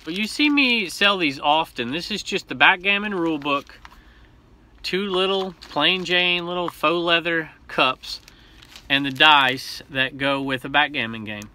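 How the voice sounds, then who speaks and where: With slight background noise, a man in his forties speaks a little slowly in a fairly high, sharp-toned voice. He is filming a casual haul vlog at arm's length in a small cluttered room at home, talking about his resale finds. His manner is chatty and upbeat, rambling with self-corrections.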